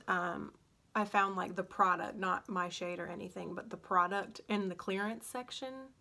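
A woman's voice: medium pitch, fairly bright tone. A young woman chatting casually through a makeup tutorial, drowsy and scattered, talking with a sore, barely opened mouth after having her wisdom teeth out. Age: young adult. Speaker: beauty vlogger. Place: indoor room at home. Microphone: phone on a stand at about arm's length.

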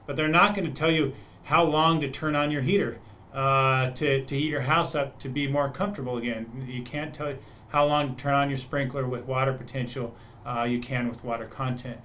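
A man's voice: medium pitch, steady tone, normal speed, bright, forceful tone, a little hiss or hum. A man on a webinar panel explaining soil moisture data, talking through it with frequent restarts and repeated words. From United States.

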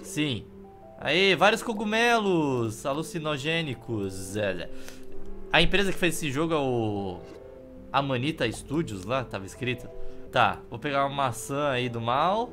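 A man's voice: medium pitch, lively intonation, unhurried, fairly bright tone. A Brazilian man casually commentating a video game as he plays, with wry, offhand humour. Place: indoor room. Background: game music.

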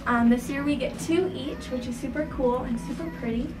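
A woman's voice: sits high, normal speed, recorded from a distance, music in the background. A young woman showing her bedroom to camera in a chatty, casual way. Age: young adult. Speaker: student showing her room.

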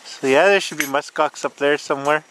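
A man giving casual running commentary while filming a hunting trip in snowy mountains, relaxed and plain, laughing now and then. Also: fairly high pitch, a little fast. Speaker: videographer narrating a hunting trip. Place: outdoors in snowy mountains, windy. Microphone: handheld camera mic. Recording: wind noise on a camera mic.

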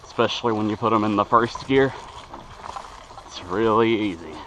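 A man's voice: lowish voice, normal speed, fairly bright tone, a little hiss or hum, rough recording. A young man talking casually to the camera as he rides a bike outdoors, rambling and stumbling over his words, recorded on a handlebar camera. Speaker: vlogger. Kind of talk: casual vlog talk while riding. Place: outdoors riding a bike through a wooded yard. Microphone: handlebar-mounted action camera.

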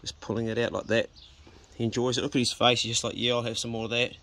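Wearing an action camera on his body, a middle-aged New Zealander who vlogs about homesteading talks casually through his jobs around the rural property and bush. He's relaxed and practical, coaxing his dog with "good boy" and "mate," in a medium-pitched voice at a quick pace, with a little hiss or hum.

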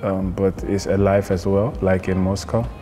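A young man in his twenties from the Netherlands with a Dutch accent, a footballer giving casual interview answers in a relaxed, hesitant way with many fillers. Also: low-pitched, moderate pace, soft background music. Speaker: football player. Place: indoor hotel room.

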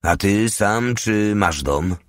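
A man's voice: fairly low pitch, expressive, slow pace, no room sound. A man voicing an impatient, aggressive soldier in an audiobook. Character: hot-tempered male soldier, bullish.

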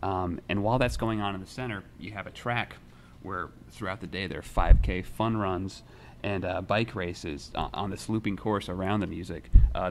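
A young man in his twenties hosting a casual newsroom chat at a desk microphone, relaxed and rambling, with many fillers and restarts. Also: deep voice, creaky, slight background noise. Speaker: music writer and show host. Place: newsroom studio.

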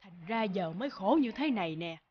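A woman's voice: mid-range voice, lively intonation, moderate pace, a little hiss or hum, natural voice. Older village neighbor, voiced by a woman, chatty and sympathetic, muffled recording.

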